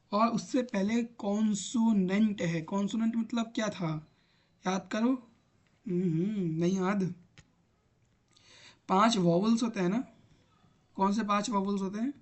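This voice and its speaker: Male teacher, unhurried and patient, walks pupils through examples one by one. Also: sits high. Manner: patient, repeats examples aloud; talks while typing on screen. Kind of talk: online grammar lesson.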